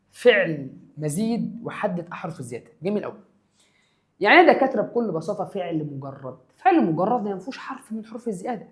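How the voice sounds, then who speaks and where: A man with an Egyptian accent teaching an exam review lesson, lively, repeating key points and asking and answering his students' questions himself. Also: high voice. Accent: Egyptian Arabic.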